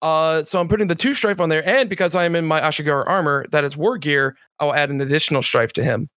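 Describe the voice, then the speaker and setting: A man's voice: fairly high pitch, fast, a bit bright, no room sound, clean studio sound. A man playing in a tabletop role-playing session, thinking aloud about his moves with frequent fillers. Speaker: player.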